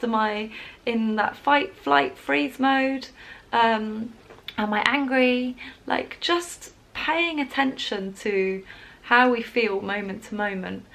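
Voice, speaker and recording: Talking to camera in a rambling wellbeing vlog, a woman laughs frequently and occasionally leans toward the lens. Her voice sits high, a bit bright and creaky.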